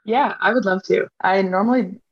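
The lo-fi, dull recording captures a husky, medium-pitched woman's voice at a moderate pace. She's a PhD student in her twenties from Hawaii, chatting casually in an interview about her research and using many "like" fillers.

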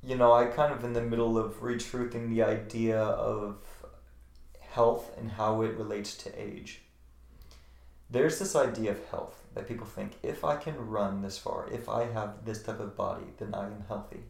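Gravelly man giving earnest life advice. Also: fairly low pitch, fairly even intonation, normal speed. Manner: earnest, emphatic, repeats key phrases. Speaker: interview guest. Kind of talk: motivational interview answers. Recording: roomy echo.

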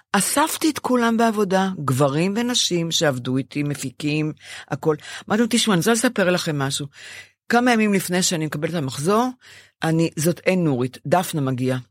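An older woman chats with a co-host, her pitch leaping and dipping as she tells a long personal story. She acts out what she once said to others. The sound is close and dry, with no room around her. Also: no echo. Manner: animated storytelling, acting out her own past lines. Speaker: podcast co-host. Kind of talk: casual chat.

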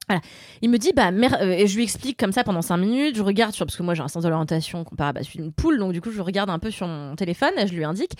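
Lively woman telling a funny story. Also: mid-range voice, fast, dry recording, studio quality. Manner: animated, self-mocking anecdote telling with laughs. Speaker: podcast co-host. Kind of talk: casual group chat, storytelling.

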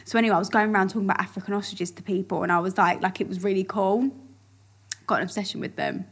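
A woman's voice: mid-range voice, fast, creaky, breathy edge. A woman co-hosting a podcast, joking and giggling through casual banter. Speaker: podcast co-host. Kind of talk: casual chat.

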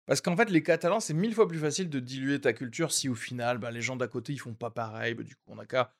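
A man co-hosting a casual podcast, reasoning his points out loud with lots of fillers. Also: mid-range voice, quick pace. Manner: reasoning aloud, fillers like en fait. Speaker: podcast co-host. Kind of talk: casual chat.

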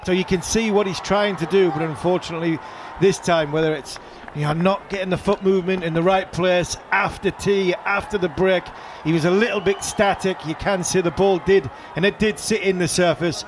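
Higher-voiced male cricket commentator analysing play. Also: steady tone, a little fast, few pauses. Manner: explanatory, emphatic repetition. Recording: noisy outdoor broadcast. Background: stadium background noise.

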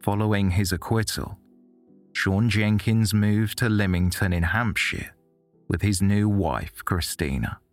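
A man giving measured, scripted narration for a true-crime documentary. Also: on the low side, faint music behind.

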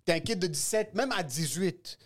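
A man's voice: high voice, lively intonation, moderate pace. A man in casual podcast chat, pushing back and reasoning things through. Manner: challenging, reasoning out loud.

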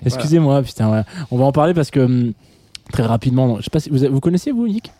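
Dark-voiced host with an English accent. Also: male voice, mid-range voice, lively intonation, fast talker, dry recording. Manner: hesitant, laughing, self-correcting. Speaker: radio show host. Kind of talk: casual radio chat. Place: radio studio. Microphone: studio microphone.

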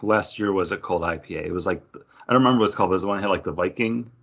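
A podcast co-host with a low, gravelly voice rattles along rapid-fire, rambling casually through a craft beer review. His tone is a bit bright, though the audio itself is dull and lo-fi.

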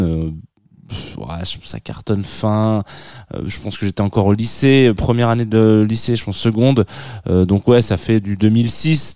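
Rambling French-accented radio host, mellow voice. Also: male voice, lowish voice, no room sound, clean studio sound. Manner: rambling, hesitant, many filler sounds and restarts. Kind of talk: casual radio music show talk.

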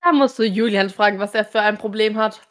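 A woman's voice: medium pitch, a little fast, fairly bright tone, close to an everyday voice. A woman reading the part of a defensive, reproachful female colleague. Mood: resentful. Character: resentful female detective colleague.

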